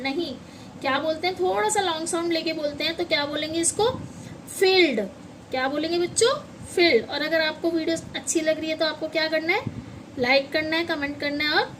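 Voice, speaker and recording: A woman's voice: sits high, a little hiss or hum. A woman teaching pronunciation in a classroom-style lesson, patiently spelling out words letter by letter and quizzing her students. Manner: patient, repeats and asks the students questions.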